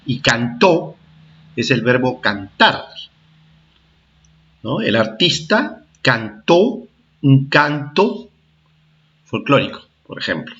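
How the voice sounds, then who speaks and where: The recording is muffled, but the man's medium-pitched, fairly bright voice swings widely in pitch as he teaches a primary class. His delivery is slow and repetitive, punctuated by "¿ah?" and "¿de acuerdo?" to check understanding.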